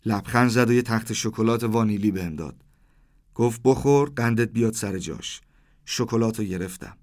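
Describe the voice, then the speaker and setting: A man in his thirties with a lowish, somewhat mellow voice narrates a surreal first-person story. His delivery grows livelier when he quotes the exchanges.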